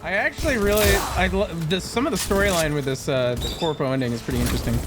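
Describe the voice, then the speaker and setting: A man's voice: fairly high pitch, quick pace. A man doing casual, playful live gameplay commentary and chatting to his viewers as a streamer. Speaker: video game streamer. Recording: game noise and gunfire behind. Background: video game gunfire.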